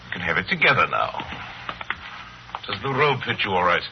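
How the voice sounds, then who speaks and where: A dull, hissy old radio recording carries a sinister aristocratic general. His voice is low, with theatrical rises and falls. He is suave and boastful, savoring his words like a hunter in a 1940s radio play. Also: very animated, moderate pace, gravelly, music in the background, full character voice. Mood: courtly, gracious. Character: cultured, sinister foreign general obsessed with hunting.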